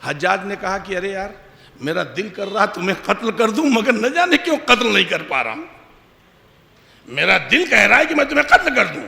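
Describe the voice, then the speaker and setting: A cleric voicing a cruel governor. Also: male voice, high-pitched, big pitch swings, vocal fry, sharp tone, full character voice. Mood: bewildered. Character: cruel scheming male governor, baffled. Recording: echoey hall with long reverb.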